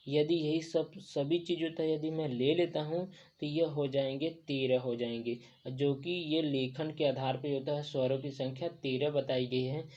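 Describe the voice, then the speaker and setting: A young man leads an exam-prep lesson, explaining things step by step. He keeps padding his sentences with the same fillers over and over. His voice is mellow and dark, and the recording sounds dull and lo-fi. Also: a little high. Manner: filler-heavy, repeats "jo tha" and "jo hota hai". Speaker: teacher.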